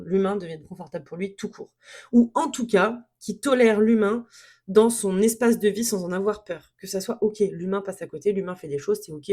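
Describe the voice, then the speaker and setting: A woman's voice: on the low side, a little mellow. A woman recording a candid solo monologue about her pony, speaking frankly and from the heart, often repeating herself as she works through her feelings. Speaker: pony owner recording a podcast episode. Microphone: self-recorded.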